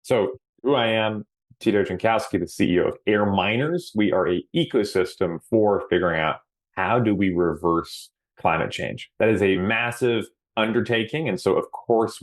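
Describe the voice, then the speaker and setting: A middle-aged man from Hawaii, a podcast guest telling his story in an earnest, reflective way. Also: low voice. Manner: earnest and reflective, often slows down to stress words. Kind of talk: casual interview answers.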